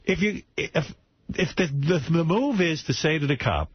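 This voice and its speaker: Husky, lively-voiced male radio host. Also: on the high side, no echo. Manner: blunt, mocking, quick to insult. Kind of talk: crude, bantering talk radio. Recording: slightly muffled radio broadcast.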